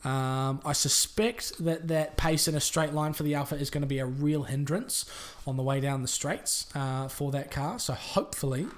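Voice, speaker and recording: A man with a New Zealand accent commentating a sim racing stream in a chatty, relaxed way with lots of fillers. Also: medium pitch. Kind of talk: live race commentary.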